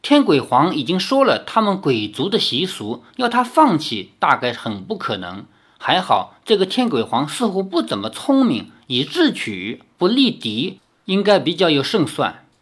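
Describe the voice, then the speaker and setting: Lively storyteller reading a novel. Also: mid-range voice, moderate pace, husky. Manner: lively, explains the text in casual asides. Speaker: novel reader.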